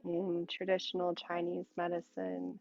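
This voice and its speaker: Faint music sits behind a woman yoga instructor as she calmly guides a meditation in short phrases and long pauses. Her voice is on the low side and gravelly, and the recording is muffled.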